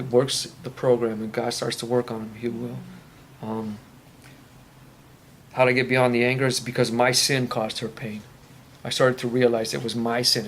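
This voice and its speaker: A man's voice: medium pitch, a bit bright, slight background noise. A man earnestly answering audience questions at a faith-based recovery meeting, talking in a rambling way with many restarts. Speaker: recovery ministry speaker. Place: meeting room.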